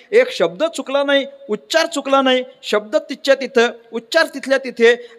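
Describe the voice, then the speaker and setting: A man from Maharashtra preaching a devotional sermon as a lively storyteller, who keeps tossing rhetorical questions at the crowd. His voice is strikingly high for a man. It carries through a long, ringing hall reverb. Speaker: kirtan preacher.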